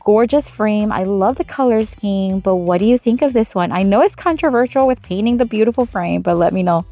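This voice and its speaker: A woman's voice: mid-range voice, expressive, brisk, dark tone, faint music behind. A young adult woman narrating a step-by-step craft tutorial in a chatty, upbeat voice-over. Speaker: craft channel host.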